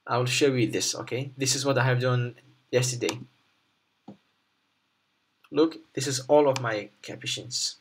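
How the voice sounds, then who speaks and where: A man with a mid-pitched voice presents a software tutorial without a script. He moves through each step haltingly, often repeating or rewording an instruction as he explains what to do on screen. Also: steady tone, slightly rough.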